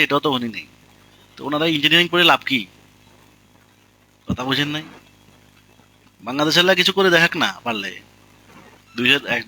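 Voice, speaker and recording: A man's voice: mid-range voice, bright, forceful tone, rough recording. A man giving a motivational lecture in a class, throwing rhetorical questions at his students in colloquial speech. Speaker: course instructor.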